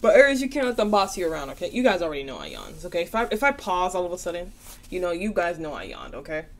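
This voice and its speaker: A woman's voice: fairly low pitch, wildly swooping pitch, fast talker. Tired, chatty woman reading tarot. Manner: chatty, repeats "okay?" often. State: tired, yawning. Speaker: tarot reader.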